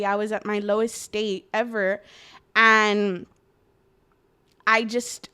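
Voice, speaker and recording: A woman's voice: a little high, a bit bright, clear, resonant tone. A woman in her twenties talking earnestly and reflectively in an interview, often saying "like.". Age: 20s. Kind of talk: candid personal interview.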